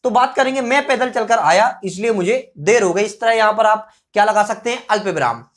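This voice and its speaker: A male teacher giving an explanatory grammar lesson. He asks rhetorical questions, answers them himself, and repeats example sentences slowly. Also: sits high.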